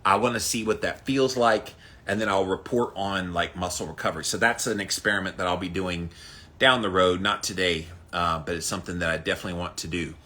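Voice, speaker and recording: Forceful, low-pitched man on a livestream. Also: steady tone, fairly quick. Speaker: host of a daily ice bath challenge livestream. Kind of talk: casual livestream chat, greeting viewers by name.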